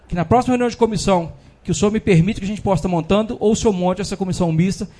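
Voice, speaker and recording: A man's voice: high voice, darkish tone. A man giving an indignant speech as a city councilman in a council chamber, full of repeated fillers.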